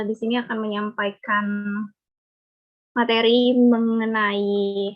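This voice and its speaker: A young woman giving an online presentation at a teacher training webinar, halting with fillers as she reads her slide points. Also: mid-range voice. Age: young adult. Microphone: video call. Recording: dull lo-fi video call audio.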